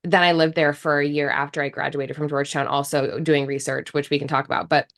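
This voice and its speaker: She speaks briskly in a low, slightly bright voice with a flat delivery. The speaker is an American woman in her thirties whose first language is English, a guest in casual interview conversation who sounds earnest and reflective and restarts often.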